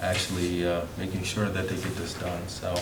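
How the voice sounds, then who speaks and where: A man chairing a municipal council meeting, calling for motions and votes in a brisk, procedural way. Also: deep voice, monotone. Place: council board room. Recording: echoey room, far mic, noisy.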